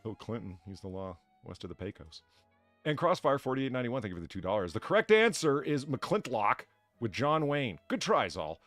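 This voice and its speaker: A man's voice: mid-range voice, sing-song, fairly quick, fairly bright tone, no room sound, faint music behind. A man hosting a casual livestream podcast, reading out donations and rambling profanely between topics.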